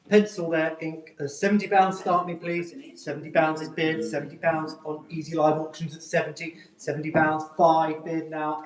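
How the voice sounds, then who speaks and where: Male auctioneer, slightly high voice, live bid calling, repetitive polite number patter, echoey room. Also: far from the mic. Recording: echoey room, picked up from afar.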